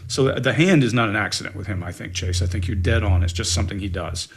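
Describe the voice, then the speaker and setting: A man's voice: on the low side, fast talker, slightly rough. A man on a panel discussing deception cues in an interview clip, conversational and emphatic. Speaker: body language analyst. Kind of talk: panel video analysis.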